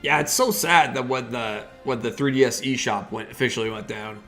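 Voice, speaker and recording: A man's voice: mid-range voice, brisk, pushed and bright, soft background music. A man hosting a gaming video with casual, chatty live commentary.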